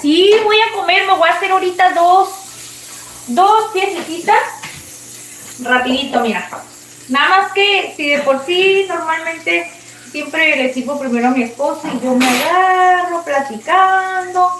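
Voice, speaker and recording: Chatty high-voiced Mexican woman. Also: a little slow, a bit bright, roomy sound, a little hiss or hum. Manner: chatty, rambling, laughs often. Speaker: cooking vlogger. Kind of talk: casual chat while cooking.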